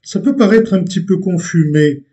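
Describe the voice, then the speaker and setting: A man teaching a language lesson, explaining step by step in a deliberate way with frequent hesitations and repeated words. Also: high voice, warm tone.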